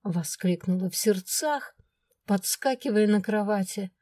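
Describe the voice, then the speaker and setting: A woman narrating a first-person fantasy audiobook with expressive storytelling. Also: medium pitch, a little slow, dry recording.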